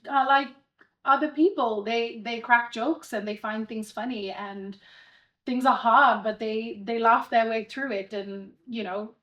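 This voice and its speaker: A woman's voice: fairly high pitch, steady tone, measured pace, dull audio. A woman hosting an interview, asking questions and affirming her guest often. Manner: warm, affirming with frequent "yeah". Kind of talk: conversational interview.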